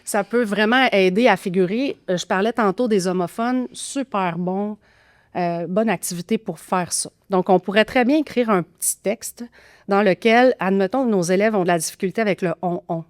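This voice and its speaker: A woman's voice: mid-range voice, normal speed, no room sound, studio quality. A woman with a Québécois accent explaining teaching methods as a podcast guest, thoughtful with frequent fillers and restarts. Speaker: grammar teaching expert guest.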